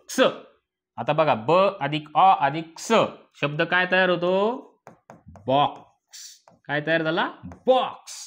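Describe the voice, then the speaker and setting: Male teacher, Marathi accent, very slow and deliberate, spells words out letter by letter, quizzes the class and answers himself. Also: sits high, a bit bright. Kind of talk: slow phonics lesson.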